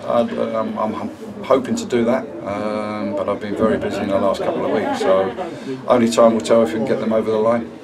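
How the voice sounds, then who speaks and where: A middle-aged man, a football manager, answering post-match questions in a measured, subdued way with many pauses. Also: fairly low pitch, gravelly, distant mic, over a noisy crowd, poor audio. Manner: measured, subdued, halting with fillers. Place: indoor club room, sponsor wall.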